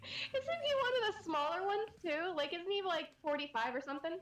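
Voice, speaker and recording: A woman's voice: very high-pitched, expressive, brisk, a bit bright. A woman chatting casually with a friend during a gaming stream, teasing and laughing easily. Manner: giggly, teasing. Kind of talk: casual chat while gaming.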